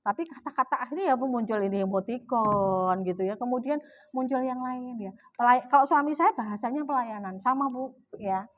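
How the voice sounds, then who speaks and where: A woman's voice: a little high, fairly quick, a little hiss or hum. A middle-aged woman with a Javanese accent gives a chatty religious talk in a mosque, often asking her audience questions. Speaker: Islamic women's study speaker.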